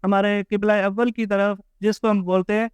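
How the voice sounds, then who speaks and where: A man teaching pronunciation, speaking. He talks patiently, spells words out letter by letter and repeats them slowly. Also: high voice, flat delivery, clean tone, dry recording. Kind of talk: slow, careful teaching monologue.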